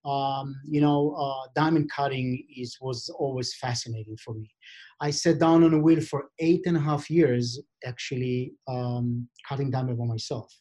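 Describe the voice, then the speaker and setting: A middle-aged man with an Israeli accent, a guest on a podcast, talking in a casual, halting way with many fillers. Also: medium pitch, steady tone, dark tone. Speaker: guest, diamond equipment vendor.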